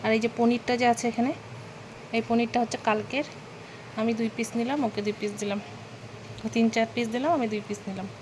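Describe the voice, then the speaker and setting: A young woman chatting casually in a home vlog, sometimes speaking softly. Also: on the high side, steady tone, fast, long pauses, noisy background. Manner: chatty, talks softly at times. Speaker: vlogger.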